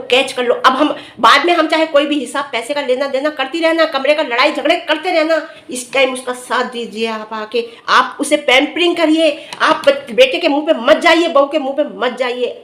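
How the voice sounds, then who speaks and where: A woman's voice: sits high, roomy sound. A middle-aged woman vlogger giving direct-to-camera commentary, earnestly lecturing and scolding with rhetorical questions. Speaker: vlogger commenting on another family's dispute.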